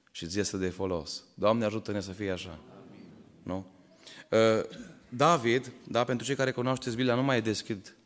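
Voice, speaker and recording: A man's voice: mid-range voice, long reverb tail. A man preaching a sermon to his congregation, asking many rhetorical questions and telling stories in which he voices the characters. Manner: tells stories and voices the people in them. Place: church hall.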